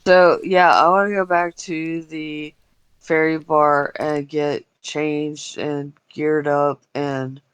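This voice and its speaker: A tabletop game player who speaks slowly in a smooth, clear voice, recorded dry and close. They lay out their plans while thinking aloud, with plenty of fillers. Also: mid-range voice, little pitch movement, a bit bright, dry recording.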